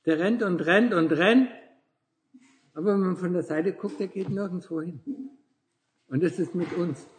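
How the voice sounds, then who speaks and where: A man in his sixties, his voice sitting high and his pace measured, chats casually with visitors as a Buddhist teacher. He ends nearly every phrase with a questioning "ne?" and chuckles often.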